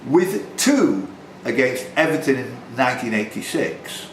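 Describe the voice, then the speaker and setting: Very animated yet measured in pace, this quiz host has a mid-range voice. He reads questions to a tavern quiz room with chatty, teasing, jokey asides. The live venue recording is roomy, with faint noise.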